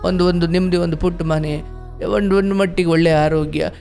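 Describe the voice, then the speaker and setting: A man counselling a caller on a live spiritual call-in show, telling a story with rhetorical questions and gentle scolding. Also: sits high, flat delivery, moderate pace, vocal fry, soft background music.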